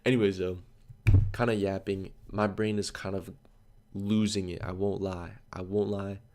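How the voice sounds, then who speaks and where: A man's voice: low-pitched, little pitch movement, moderate pace, darkish tone. A man in his twenties chatting loosely on a study livestream, full of filler "like"s as he drifts between stories. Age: 20s. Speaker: study streamer. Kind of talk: casual rambling chat on a livestream.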